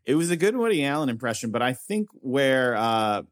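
A man appearing as a guest comedian on a podcast, talking in a wry, deliberate way in casual chat. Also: mid-range voice, big pitch swings.

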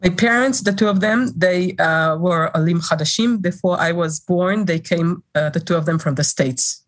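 Low-voiced woman, halting speech. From Israel. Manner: halting, many "uh" pauses while searching for words. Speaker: interview guest. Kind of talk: casual interview.

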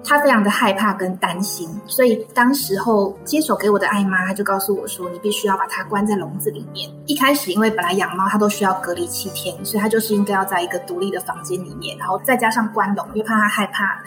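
A woman author with a Taiwanese Mandarin accent, telling stories in a gentle, reflective way as an interview guest and often saying "对". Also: mid-range voice, fast talker, few pauses, over music. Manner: gentle, reflective storytelling with frequent filler "对". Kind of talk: casual interview chat.

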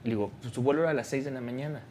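A man's voice: medium pitch, racing, a little mellow, a little hiss or hum. A Mexican man, a talk show guest, telling a story with slang and acting out the lines of the people in it. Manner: acts out quoted dialogue, slangy and joking.

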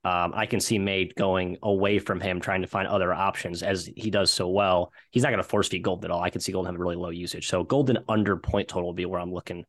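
A man's voice: low-pitched, little pitch movement, fast talker, hardly any pauses, a bit bright, no room sound, clean studio sound. A man giving betting picks as an analyst in casual sports chat.

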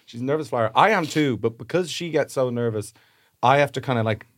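A man's voice: medium pitch, brisk, dry recording. Rambling Irish man telling a story. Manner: rambling storyteller, frequent fillers and laughs. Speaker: podcast co-host. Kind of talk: casual chat, anecdote.

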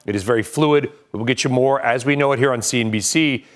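An American man with a medium-pitched voice anchors live business news. He delivers rapid market updates and breaking-news commentary in short, clipped phrases.

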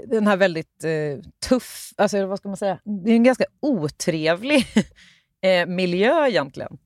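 A young adult podcast co-host in casual chat, animated, cursing casually and laughing. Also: medium pitch, no room sound, studio quality. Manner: animated, swears and laughs while talking.

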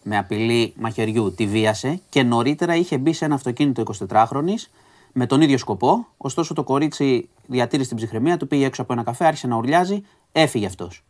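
Podcast guy going over the news with his cohost, chatty, lots of asides and ums, normal pitch. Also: lively intonation, darkish tone. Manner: chatty, recaps news stories with asides and hesitations. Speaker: podcast host. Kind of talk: casual news chat with a co-host.

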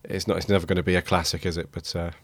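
A man hosting a casual podcast, his voice croaky and raspy from a head cold, a touch of man flu. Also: sits low, level tone, rapid-fire. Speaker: podcast host.

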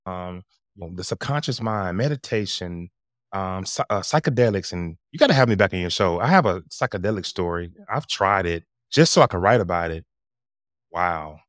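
Low, magnetic-voiced man telling stories. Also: expressive, moderate pace, a bit bright, dry recording, clean studio sound. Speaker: podcast guest, mindset coach. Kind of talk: animated conversational storytelling.

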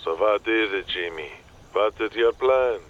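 Older exasperated showbiz agent, low and dry, muffled lo-fi, played by a man. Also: unhurried, natural voice. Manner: dry, exasperated, Yiddish-flavored. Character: weary older male Hollywood talent agent.

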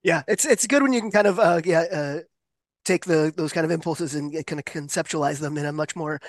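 A man with a fairly high voice in a dry, close recording. He interviews in a casual, hesitant way, stopping and repeating words as he works toward his point. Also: brisk, no room sound.

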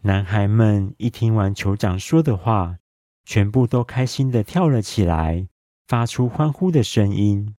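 A man narrating a bedtime story in a soothing, calm and even way, as a dad telling stories to help listeners sleep. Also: on the low side, unhurried, dry recording, clean studio sound.

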